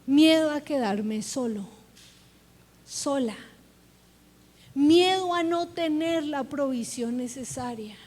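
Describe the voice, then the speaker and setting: A woman preaches a sermon in a church, her high voice carrying a long reverb through the hall. She speaks slowly and earnestly, asking her listeners questions directly as she builds her point. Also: lively intonation, darkish tone. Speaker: pastor. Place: church sanctuary.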